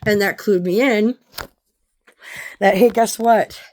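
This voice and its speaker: A woman giving a candid personal monologue in a blunt, sweary way, often halting as she searches for words. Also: mid-range voice, darkish tone, a little hiss or hum. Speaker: personal storyteller.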